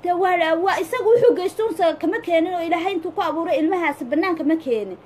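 High-pitched emphatic Somali woman. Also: racing, a little mellow. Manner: emphatic, pleading, repeats phrases for stress. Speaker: social media commentator giving advice. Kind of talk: casual opinionated monologue. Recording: clear background noise.

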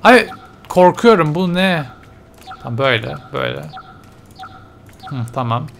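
A man's voice: fairly high pitch, lively intonation, unhurried, vocal fry, a bit bright, a little hiss or hum. A man commentating a horror video game, nervous and muttering to himself as he plays. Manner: jittery, mutters to himself while playing. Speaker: let's play gamer.

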